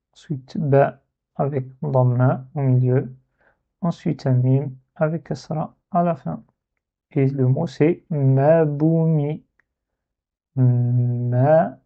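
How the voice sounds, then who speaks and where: A man teaching a lesson step by step, patient, and repeating words slowly so they can be copied. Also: medium pitch, steady tone, vocal fry, narrow, tinny audio. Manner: slow, patient, repeats words to model pronunciation.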